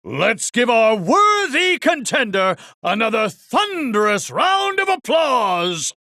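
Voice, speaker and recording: A man's voice: very high-pitched, big pitch swings, takes it slowly, gravelly, bright, forceful tone, dry recording, studio quality, heavily acted. An actor playing a flamboyant, vain, muscle-bound amusement park director in a video game, with a grandiose showman's manner and formal, flowery diction. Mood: boastful, exuberant. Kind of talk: theatrical video game voice acting.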